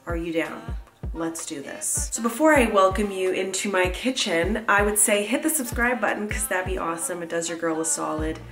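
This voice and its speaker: A woman's voice: mid-range voice, a bit bright. A woman in her thirties talking casually and playfully to the camera while cooking dinner in her home kitchen. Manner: chatty, upbeat and playful, slangy asides. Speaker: lifestyle vlogger. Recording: roomy kitchen with faint music.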